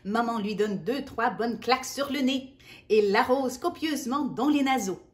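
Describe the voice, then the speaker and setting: A woman reading a picture book aloud to a child, gentle and playful, dropping into soft whispered asides. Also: on the high side, moderate pace. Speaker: children's storyteller.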